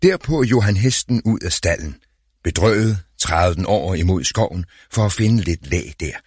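Deep-voiced male fairy-tale reader. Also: animated, darkish tone, breathy edge, no room sound, clean studio sound. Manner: slow, deliberate storytelling. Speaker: narrator.

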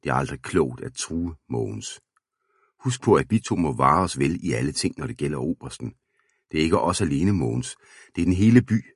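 Storybook father figure, a measured, admonishing old farmer, read by a man, very deep, husky. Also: lively intonation, no room sound, studio quality, heavily acted. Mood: grave. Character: older male farmer, grave and cautious.

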